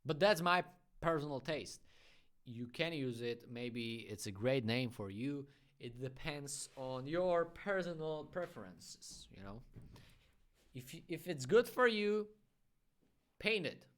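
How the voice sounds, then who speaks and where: A graffiti artist who speaks English as a second language hosts a casual livestream Q&A, chatting frankly about his opinions with friendly asides. His medium-pitched voice is expressive, slow, and a bit bright.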